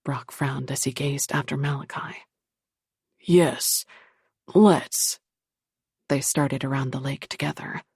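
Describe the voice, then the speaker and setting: A woman narrating a paranormal romance audiobook in a measured, steady reading. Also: very deep voice, vocal fry, husky, dry recording, studio quality. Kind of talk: scripted narration.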